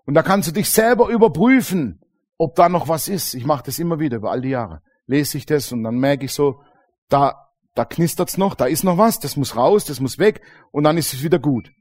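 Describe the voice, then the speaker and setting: A man preaching a sermon to a congregation, lively and colloquial, acting out little dialogues and often calling out "Amen". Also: a little high, brisk. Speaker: pastor. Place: church congregation.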